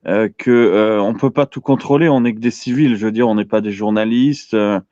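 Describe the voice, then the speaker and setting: Male radio show caller, 30s, lowish pitch, casual and halting delivery, dull close dry sound. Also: darkish tone, dry recording. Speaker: caller on an open-line internet radio show. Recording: dull lo-fi call audio.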